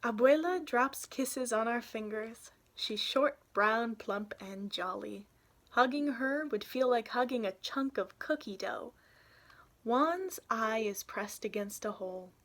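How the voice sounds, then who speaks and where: A young adult woman reads aloud from a children's picture book in a casual storytelling way, her voice a little high and a bit bright. She pauses along the way to point out the pictures.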